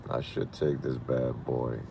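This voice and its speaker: Male rideshare driver, low voice, tired, slangy muttering live stream from inside his car, faint road hum. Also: level tone, a little slow, vocal fry, warm tone. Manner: weary, muttering to himself, slangy. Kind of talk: casual live-stream chat. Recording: faint vehicle noise.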